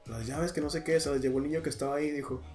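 Woman, low voice, rapid chatty talk, faint music behind. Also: fairly even intonation, a little mellow. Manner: quick, chatty storytelling. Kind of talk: casual chat.

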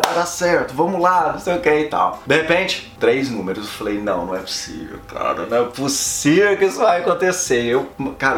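A young Brazilian man with a Brazilian Portuguese accent, telling a story casually and acting out the dialogue in an animated way. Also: roomy sound. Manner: animated, acts out dialogue with shifting pitch.

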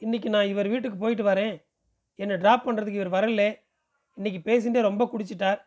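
Man, audiobook narrator, high-pitched voice, measured first-person storytelling. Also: steady tone, a little mellow. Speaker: podcast reader.

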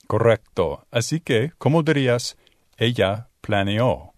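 A man teaching English pronunciation in a bilingual lesson, drawing out sounds slowly to demonstrate them. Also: mid-range voice, animated, no room sound, clean studio sound. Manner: slow, exaggerated demonstration of sounds. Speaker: Spanish-speaking English teacher.

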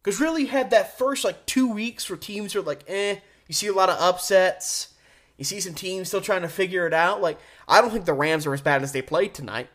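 A man hosts a solo sports podcast, offering conversational, opinionated commentary full of emphatic stresses and deliberate pauses. His voice is high-pitched and a bit bright.

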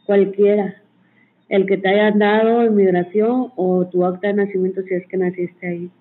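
A woman's voice: medium pitch, little pitch movement, normal speed, breathy edge. A woman giving earnest advice over a call-in chat. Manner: earnest, advising. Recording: tinny phone line.

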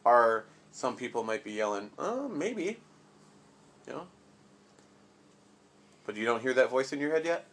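A man with a voice of middling pitch talks with his young child in a relaxed, casual way. As her father, he keeps asking playful, probing questions. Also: normal speed, pauses often. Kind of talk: casual chat.

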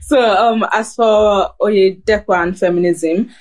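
A woman's voice: mid-range voice, slow pace, darkish tone. A young woman who grew up in Germany, speaking hesitantly over a phone in a casual group discussion. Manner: hesitant, many fillers.

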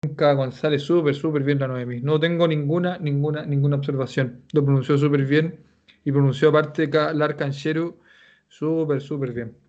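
A man with a Chilean accent, teaching Japanese and giving relaxed, joking feedback in an online class. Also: fairly high pitch, moderate pace, highs cut off. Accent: Chilean Spanish.

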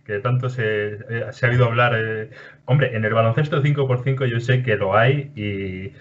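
A man interviewing a guest, asking relaxed conversational questions. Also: mid-range voice, normal speed. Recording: dull lo-fi sound.

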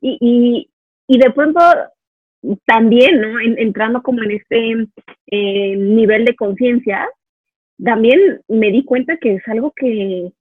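A woman's voice: a little high, takes it slowly, slightly rough, dry recording. A woman hosting an interview, reflecting aloud and often tagging her thoughts with a questioning "no". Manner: reflective, thinks aloud, tags phrases with "¿no?". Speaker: podcast host. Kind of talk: casual interview conversation. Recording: tinny phone-line sound, dry.

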